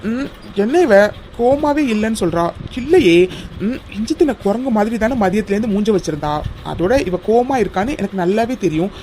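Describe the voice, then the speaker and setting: A woman's voice: medium pitch, animated, a little fast, a little hiss or hum, close to an everyday voice. A woman voicing Vetri, a polite young man puzzled by his friend's moods, in a cartoon. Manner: polite and puzzled, soft-spoken.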